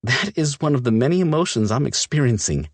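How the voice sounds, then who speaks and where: A man's voice: medium pitch, very animated, a little slow, breathy edge, no room sound, pitched above the performer's own voice. A male narrator voicing a hurt, defiant young woman in an audiobook, his delivery emotional and shaky. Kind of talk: audiobook character voice.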